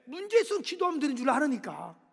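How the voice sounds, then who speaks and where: A male pastor delivers an animated sermon and acts out scenes in voices. His voice is high with a gravelly rasp. It rings with the long echo of a church hall. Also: quick pace.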